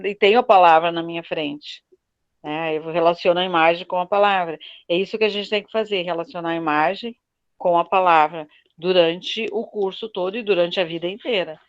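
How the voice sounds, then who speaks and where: A woman teaching Portuguese to foreign learners on a video call, patiently repeating words slowly to model pronunciation. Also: on the low side, fairly even intonation, highs cut off. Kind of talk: online class explanation.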